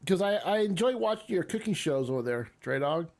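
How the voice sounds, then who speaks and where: A man's voice: sits high, expressive, brisk, vocal fry, darkish tone. A man chatting casually with friends on a voice call, easygoing and rambling, with many fillers. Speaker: streamer hosting a chat. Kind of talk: casual chat.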